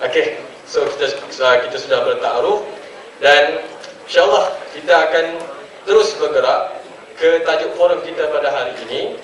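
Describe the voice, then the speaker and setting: A young man from Penang with a Penang Malay accent moderates a student forum in a large echoing hall, hesitating with many fillers and light jokes. His mid-range voice is recorded from afar.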